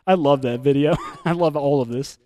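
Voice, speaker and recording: A man's voice: on the high side, moderate pace, warm tone, dry recording. A man hosting a casual podcast, reacting to videos with crude banter and frequent laughter. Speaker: podcast host.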